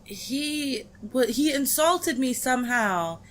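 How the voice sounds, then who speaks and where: A woman's voice: high voice, lively intonation, takes it slowly, fairly bright tone, slight background noise. A woman co-hosting a podcast in casual chat, telling anecdotes and teasing her co-host with dry humor.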